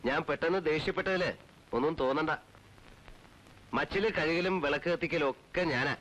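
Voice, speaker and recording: A man's voice: a little high, normal speed, a bit bright, lightly acted, low-quality recording. An actor playing a devout middle-aged man who heads a traditional household, speaking in a stern, formal way that turns earnest. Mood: gentle. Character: devout middle-aged man, strict but kind-hearted. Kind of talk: 1980s film drama.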